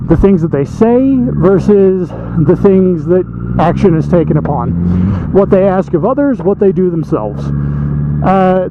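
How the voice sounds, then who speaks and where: A high-voiced man talks from inside a motorcycle helmet, with a thin, narrow sound. He thinks aloud in an emphatic, casual monologue as he rides, with clear road and engine noise around him. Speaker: motovlog host. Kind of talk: casual opinionated monologue while riding a motorcycle. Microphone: microphone inside a motorcycle helmet.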